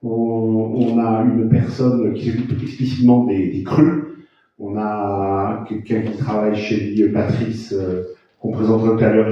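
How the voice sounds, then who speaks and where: A man's voice: fairly low pitch, slight background noise. A man hosts a live awards ceremony, stumbling a little over words while he plays up the suspense. He sounds distant in a very echoey room, and the sound is slightly muffled.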